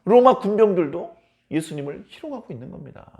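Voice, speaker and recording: A man's voice: sits high, lively intonation, fairly quick, vocal fry, a little mellow. A male pastor giving a dawn service sermon, retelling the story vividly with acted quotes.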